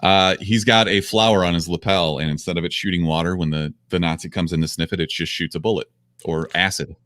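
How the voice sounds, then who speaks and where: A young man with a very low, deep voice trades jokes on a casual podcast, sarcastic and loose with the swearing. His voice is recorded dry and close, with no room sound. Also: steady tone, a little fast, a bit bright, dry recording. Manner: riffing, sarcastic, profane. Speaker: podcast co-host. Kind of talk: casual comedic podcast chat.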